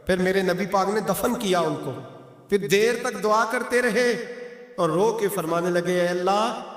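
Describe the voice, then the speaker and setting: A man preaching an emotional sermon, telling stories and chanting poetry in a slow, drawn-out sing-song. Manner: storytelling with sudden drops in pitch and voice. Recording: echoey hall with long reverb.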